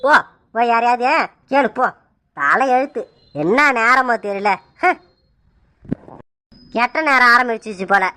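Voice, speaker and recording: A woman's voice: fairly high pitch, lively intonation, unhurried, long pauses, pushed and bright. A woman voicing a grumbling, scolding middle-aged village father.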